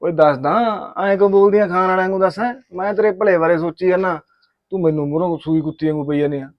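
An actor playing a hot-headed young village man with a Punjabi accent, ranting in a rapid, indignant rush. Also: high voice, steady tone, dry recording, lo-fi sound, lightly acted. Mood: scheming. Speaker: young heir of a farming family. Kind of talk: village drama acting.

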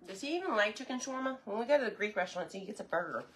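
A woman's voice: mid-range voice, animated, very fast, a little hiss or hum. A woman, chatting casually on a live cooking stream while eating, enthusiastic and sometimes talking with her mouth full.

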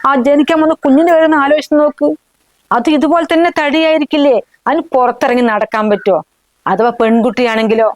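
A middle-aged woman playing a scheming, sharp-tongued mother who nags and insults in a short film drama. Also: high-pitched, fairly even intonation, fast talker, no echo, lightly acted, poor audio. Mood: persuading. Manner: scornful, nagging, insulting. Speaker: mother-in-law.

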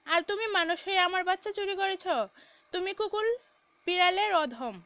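A woman voicing a furious young mother who shouts and hurls insults down the phone in a read-aloud story. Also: extremely high pitch, normal speed, no room sound, lo-fi sound. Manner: scolding, hurling insults.

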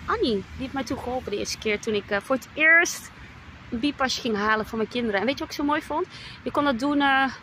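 A woman's voice: high-pitched, quick pace, pushed and bright, a little hiss or hum, rough recording. A woman in her thirties vlogging emotionally to viewers, exclaiming often and slipping English phrases into her talk. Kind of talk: emotional personal vlog.

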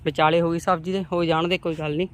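A woman's voice: fairly low pitch, level tone, quick pace, slight background noise. A woman, chatting homely to viewers as she walks outdoors through her farm's vegetable plots. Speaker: vlogger. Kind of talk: casual farm vlog talking to viewers.

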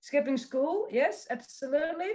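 Speaking to a youth summit by video call, this social work lecturer from the Netherlands, in her forties, sounds friendly and encouraging as she reads audience comments aloud. Her Dutch-accented voice is high-pitched and expressive, dark in tone, at a moderate pace.

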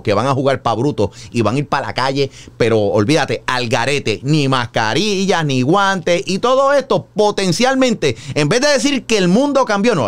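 A Puerto Rican man hosting a radio call-in show, giving animated, joking, colloquial opinions. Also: medium pitch.

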